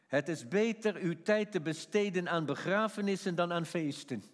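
A man preaching a sermon and telling a personal story, swinging from quiet asides to emphatic peaks. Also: high-pitched, moderate pace. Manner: animated, rising to emphatic peaks. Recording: long hall reverb.

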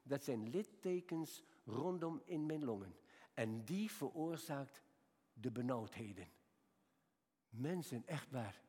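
A man's voice: medium pitch, animated, slow, husky. Older male preacher in a reverberant hall. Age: 70s. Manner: storytelling, swings from quiet to raised emphatic. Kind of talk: sermon.

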